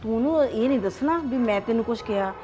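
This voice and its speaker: A woman with a Punjabi accent playing a scheming older grandmother who coaxes a child in a soft, conspiratorial way. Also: on the high side, animated, fast talker, lo-fi sound, over music, lightly acted. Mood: coaxing. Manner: coaxing, conspiratorial.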